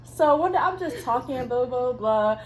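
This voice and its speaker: Lively young woman chatting, faint hiss. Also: sits high, normal speed. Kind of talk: casual chat.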